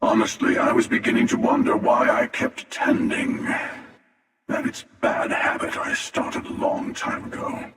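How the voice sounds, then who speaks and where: A man voicing a smug, menacing, world-weary hunter from a video game, with a breathy rasp and sardonic, deliberate delivery. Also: fairly bright tone. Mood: gloating, weary. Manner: sardonic, deliberate, drawling taunts. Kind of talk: video game character voice acting. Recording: echoing, long reverb, distant.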